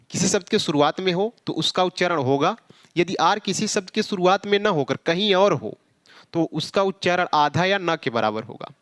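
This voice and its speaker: A man with a Hindi accent and a fairly high voice teaches English pronunciation in an unhurried way. He spells words letter by letter, stretches sounds out when he shows them, and keeps asking the learner what the word becomes. The recording is dry and close, with no room sound. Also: fairly bright tone, no room sound. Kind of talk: classroom lesson on English pronunciation.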